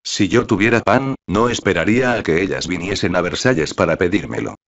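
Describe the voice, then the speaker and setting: A man voicing a weary, gentle middle-aged king with a mild, resigned manner. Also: low voice, expressive, a little fast, muffled recording, full character voice.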